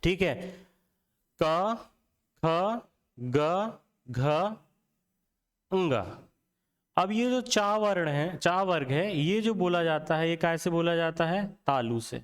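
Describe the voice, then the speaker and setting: Young guy teaching a lesson, kinda high voice, talks really slow, keeps repeating the sounds. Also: lively intonation, smooth. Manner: slow, repeats sounds aloud and quizzes the viewer. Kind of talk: Hindi grammar lesson.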